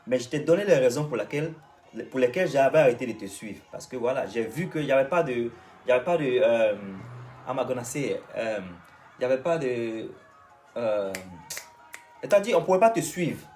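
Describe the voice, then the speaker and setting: A man's voice: medium pitch, lively intonation, normal speed, darkish tone, far from the mic. An Ivorian-accented man delivers a vlog rant, talking straight at the person he criticizes and repeating his points like a lesson. He sits back from the mic, and faint music runs underneath. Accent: Ivorian French. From Côte d'Ivoire. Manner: lecturing, repetitive, addresses his target directly. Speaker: vlogger and singer. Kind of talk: ranting monologue to the camera.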